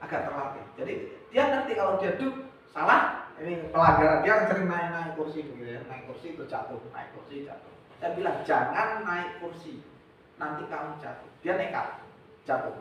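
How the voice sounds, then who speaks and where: A man in his thirties preaching a youth church sermon, emphatic, swinging between loud and soft, with casual slang mixed in. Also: fairly high pitch, animated, a little fast, slight background noise. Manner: casual, mixes in everyday slang and English words. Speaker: youth pastor. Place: church hall. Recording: echoey hall, distant dull mic.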